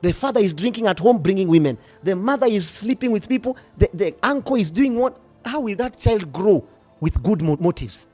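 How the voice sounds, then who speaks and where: A middle-aged bishop with a Kenyan accent, preaching passionately, swinging from hushed asides to loud rebukes. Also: male voice, sits high, expressive, a little fast, faint music behind. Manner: passionate, switching between whispers and shouting. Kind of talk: fiery sermon.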